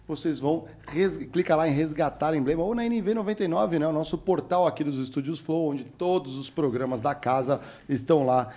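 Upbeat podcast host, slightly high voice. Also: male voice, fairly quick, few pauses, mellow. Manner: upbeat and joking, addresses listeners directly. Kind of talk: casual podcast hosting.

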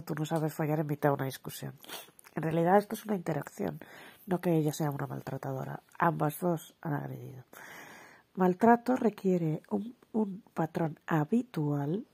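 A woman's voice: low voice, gravelly, warm tone, breathy edge. A woman hosting a solo podcast, talking frankly in a chatty way, correcting herself and checking in with the listener. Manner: chatty, frank, self-correcting, keeps asking "vale". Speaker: podcast host. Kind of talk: solo podcast talk on relationships.

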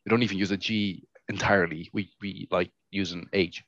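Young man, Dutch accent, very low voice, dry muffled recording, loose casual rambling. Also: a little fast, no room sound. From Netherlands. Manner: relaxed, rambling, many fillers and restarts. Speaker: guest. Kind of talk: casual interview chat.

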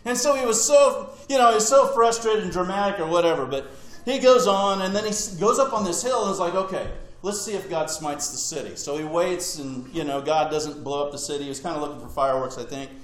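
A man preaches in a chatty, storytelling way, dropping in jokes as he retells scripture. His voice sits a little high. The room gives a strong echo. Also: fast talker, hardly any pauses. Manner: conversational, retells scripture with asides and humor. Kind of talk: sermon.

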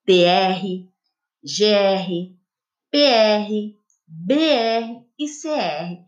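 A woman teacher, giving a lesson to children and dictating words slowly. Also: medium pitch, muffled recording. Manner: slow, lively, drawn-out dictation of words. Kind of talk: recorded classroom lesson for children.

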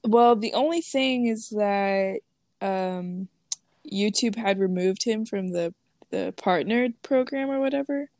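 A woman's voice: mid-range voice, takes it slowly, darkish tone, dry recording, clean studio sound. A young woman co-hosting a podcast in casual chat, rambling with lots of fillers and frequent laughs. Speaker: podcast co-host.

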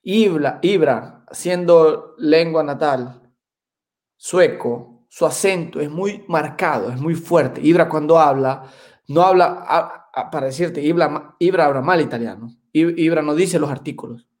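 Male podcast co-host, excitable casual talker, a bit high-pitched, restarts a lot. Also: a little slow. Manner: excitable, repeats words while searching for them. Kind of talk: casual chat.

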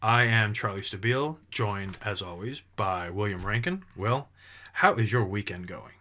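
Brief: male podcast co-host, very bright voice, lively and jokey, talks through false starts. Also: on the low side, normal speed. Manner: animated, laughs easily, restarts sentences. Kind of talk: casual movie podcast chat.

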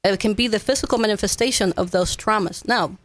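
As a guest, an Ecuadorian massage therapist and native Spanish speaker describes her work in earnest, conversational terms, often adding check-in tags. She speaks at a medium pitch and a quick pace.

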